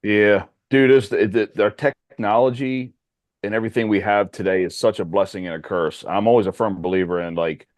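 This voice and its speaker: Guy in his 40s, kinda low voice, earnest and reassuring, dry room. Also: fairly even intonation, brisk, no room sound. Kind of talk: casual chat.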